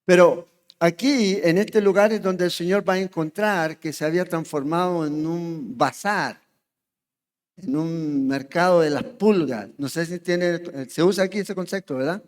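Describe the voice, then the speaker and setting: This pastor, a man with a Chilean Spanish accent and a fairly high pitch, speaks at a measured pace while a long reverb tail rings through the sanctuary. His expository preaching feels like conversation, full of questions and check-ins with the people listening.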